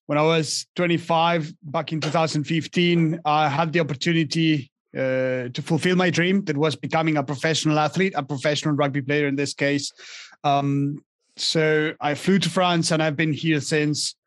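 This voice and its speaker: A man's voice: a little high, fairly even intonation, moderate pace, no room sound, studio quality. A young man from Argentina, a guest in a casual interview, speaking with many restarts and fillers. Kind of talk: casual interview over a call.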